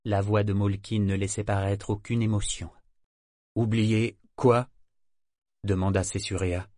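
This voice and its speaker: An audiobook narrator with a lowish voice reads scripted narration in an even, measured storytelling manner. The recording is studio quality with no room sound.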